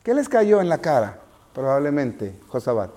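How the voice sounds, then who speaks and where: Very animated yet mellow, this man's mid-range voice moves at a moderate pace as he runs an interactive Bible lesson with children. He asks patient questions and names pupils individually.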